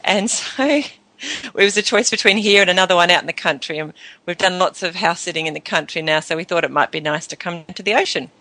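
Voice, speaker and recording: A woman from Tasmania with an Australian accent, chatting as a guest in a relaxed, rambling way. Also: lowish voice, fairly quick, no echo, poor audio. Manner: chatty, laughs easily, rambling. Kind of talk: casual interview chat.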